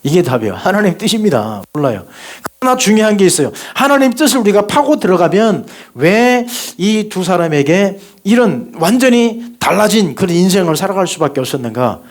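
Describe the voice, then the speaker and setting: A Korean male pastor delivering a sermon in a church sanctuary with a fairly high voice. He keeps asking rhetorical questions and calls for the congregation to repeat after him. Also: sing-song, brisk, few pauses. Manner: rhetorical questions, call and response.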